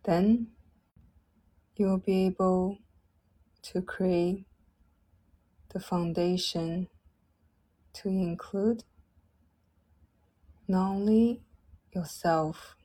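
A woman leading a guided loving-kindness meditation in a soft, gentle, drawn-out way. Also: fairly low pitch, fairly even intonation, slightly rough, low-quality recording.

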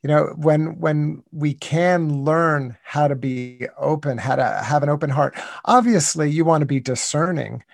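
With a fairly high pitch, vocal fry, and few pauses, this American writer in his sixties speaks at a measured pace. Guesting on an interview, he reflects earnestly and thoughtfully, frequently restarting with "you know."

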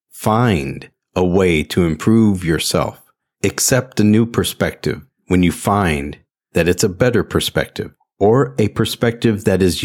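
A man hosting a solo podcast, speaking in an earnest, deliberate way with emphatic phrasing, as in a prepared talk. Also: deep voice, darkish tone. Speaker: podcast host, interpreter.

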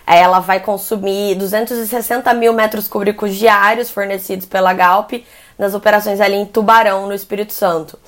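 A Brazilian woman journalist delivers energy sector commentary at a mid pitch. She talks in a loose, conversational way, often restarting phrases and adding fillers as she explains. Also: fairly even intonation, fairly quick. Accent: Brazilian Portuguese. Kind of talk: news commentary.

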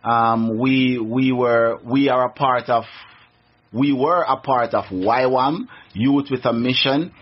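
A middle-aged Jamaican man, whose first language is Jamaican Patois, tells his story as a guest in a casual radio interview, speaking earnestly and restarting often. His mid-range voice is slow with a breathy edge, and he speaks with a Jamaican accent over a muffled radio recording.

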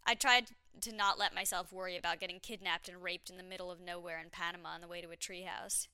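A woman's voice: lowish voice, steady tone, fast, sharp tone, smooth, no echo. A woman narrating her own travel story in a candid, wry, self-mocking way.

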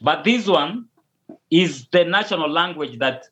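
A Kenyan man, a pastor and native Luo speaker, answers an interview over a call, hesitant and prone to repeating and restarting words. His voice has a fairly high pitch, a bit of brightness, and an animated feel, though he talks a little slowly. It comes through as dull lo-fi audio.

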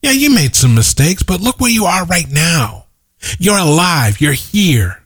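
Husky and a bit bright, this middle-aged man's slightly high voice swings widely in pitch and runs a little slow. He's a motivational speaker giving an emphatic talk, full of stories and repeated key points.

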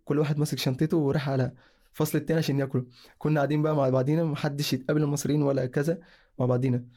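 Rapid-talking young man from Sudan. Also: on the high side, mellow. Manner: rambling, casual, with self-corrections. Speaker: guest sharing a personal story. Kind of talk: casual personal storytelling.

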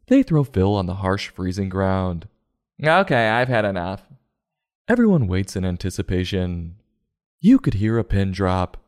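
A man's voice: sits low, mellow. A man hosting a comedic review show, narrating and commenting in an irreverent, sarcastic, profane way.

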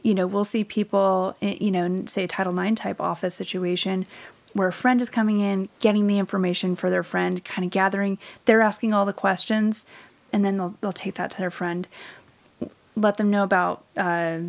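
A woman guest on a podcast, explaining support options in a gentle, measured way. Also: medium pitch, little pitch movement, creaky. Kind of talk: casual podcast chat.

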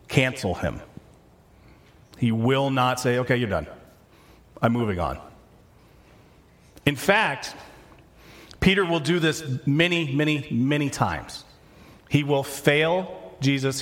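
This male pastor has a mid-range, fairly bright voice. Delivering a sermon, he moves through scripture casually and conversationally, frequently stopping to restart and fix what he's saying.

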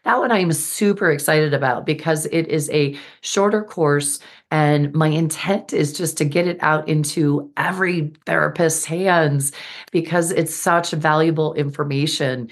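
A woman with a very deep voice, talking through a solo podcast episode. She sounds a little hoarse and squeaky after being sick, yet stays earnest and upbeat, with a few fillers here and there. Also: steady tone, a little slow. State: slightly hoarse after illness. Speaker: podcast host and birth healing educator.

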